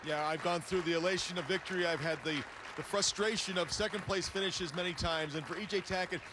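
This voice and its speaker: A man's voice: high voice, steady tone, fairly quick, crowd noise, noisy background. A man giving conversational, slightly hesitant color commentary from a sports booth. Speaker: color commentator, former pro player.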